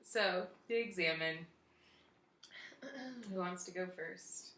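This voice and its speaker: A woman's voice: lowish voice, takes it slowly, fairly bright tone, echoey room. A woman hosting a casual evening prayer video at home, chatty and prone to giggling. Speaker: host of the video. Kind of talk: casual chat. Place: home at night.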